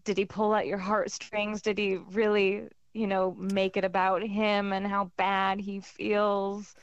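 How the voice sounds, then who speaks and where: A woman's voice: mid-range voice, little pitch movement, measured pace, clean tone, no room sound. A woman speaking over the phone as a radio caller, indignant and exasperated, searching for words. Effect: heard over the phone. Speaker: caller, listener's ex-wife. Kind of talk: radio call-in conversation. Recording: muffled phone line.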